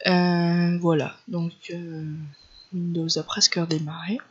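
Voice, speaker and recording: Speaking slowly and in a monotone, this slightly high-voiced man explains a computer tutorial loosely, one step at a time, in a Northern French ch'ti accent. He's a tech tutorial creator doing casual, informal screen-recorded narration, captured on a dull lo-fi home setup.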